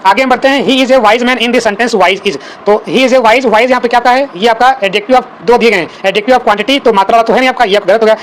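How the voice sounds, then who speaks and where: Extremely fast-talking exam-prep teacher. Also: medium pitch, slight background noise. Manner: rapid explaining, constantly repeats the filler "आपका" and rhetorical questions; reads English quiz questions slowly and deliberately. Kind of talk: exam-prep grammar lesson in Hindi with English examples.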